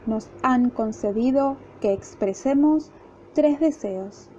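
A woman with an Argentine accent voicing a sharp-tongued, bossy wife in a told fairy tale. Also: takes it slowly. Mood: eager. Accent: Argentine Spanish. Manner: scolding and shrill. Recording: dull lo-fi recording, faint noise.

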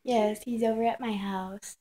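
A woman's voice: on the high side, fairly even intonation, a little slow, mellow. A young woman chatting casually as a vlog co-host, recorded indoors on a phone held out on a selfie stick. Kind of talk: casual chat. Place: small dim room indoors. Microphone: phone on a selfie stick at arm's length.

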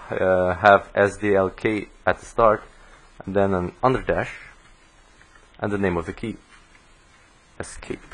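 A man teaching a programming course, explaining code step by step as he types in a screen recording, on low-quality audio. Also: fairly bright tone. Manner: slow, step-by-step explaining while typing code. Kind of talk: screen-recorded coding tutorial.

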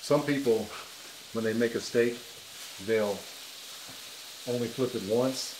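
A man's voice: medium pitch, takes it slowly. A man co-hosting a casual cooking vlog, talking easily while he cooks. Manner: laid-back, reads out viewer comments. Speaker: co-host, husband. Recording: echoey kitchen with hiss.

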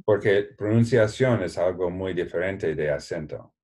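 A very deep-voiced man with an American accent speaks slowly and carefully, mixing learner's Spanish with English. He sounds encouraging as he explains his language program over a video call. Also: a little mellow. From United States. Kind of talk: casual bilingual video call chat.

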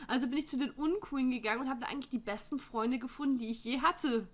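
Young woman, fairly high voice, blunt chatty quiz-reaction vlogger who laughs easily, at home on a desk mic. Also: quick pace. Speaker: YouTuber. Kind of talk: casual chat reacting to an online quiz. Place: home room with window open. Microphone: desk microphone.

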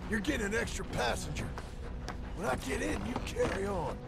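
An actor playing a gruff outlaw in a video game, talking with dry, sarcastic menace. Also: male voice, high-pitched, animated, a little fast, heavily acted. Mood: wry menace. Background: game music.

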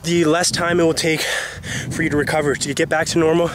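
A man's voice: on the high side, level tone, brisk, noisy background. A man who is out of breath, coaching soccer players on breathing outdoors and sighing between phrases. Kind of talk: instructional vlog.

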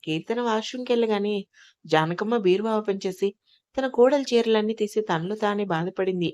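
A woman narrating an audio drama story in a calm, even storytelling manner. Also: medium pitch, fairly quick, muffled recording.

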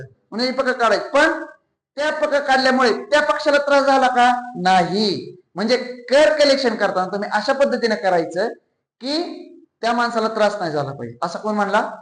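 A man's voice: extremely high pitch, expressive, brisk, fairly bright tone. A man teaching a class, drilling his students by asking the same questions again and again and waiting for their answers. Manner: repeats questions to the class, call-and-response. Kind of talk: classroom lecture. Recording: echoey classroom.

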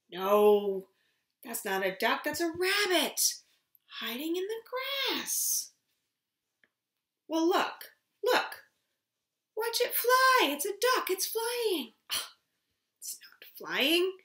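A woman in her thirties reading a picture book as if to a toddler, expressive and exaggerated, with simple phrases and pauses. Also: high-pitched, roomy sound. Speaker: children's storytime host. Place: small room at home, indoors.

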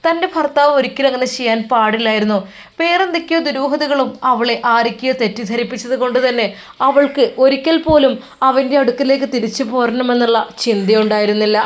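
A woman telling a story in a gentle, measured narration. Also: high voice.

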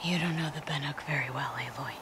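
An actress playing a grieving but resolute young outcast hunter in a video game, solemn and hushed. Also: female voice, low-pitched, fast talker, noisy background, natural voice. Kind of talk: dramatic video game acting. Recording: loud music behind. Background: game score music.

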